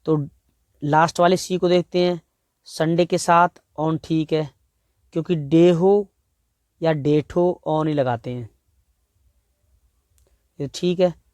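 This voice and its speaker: A man with an Indian accent teaching an exam-prep grammar lesson, explaining step by step and reading example sentences slowly, word by word. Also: on the high side, fairly even intonation, a little mellow, smooth, no echo, studio quality.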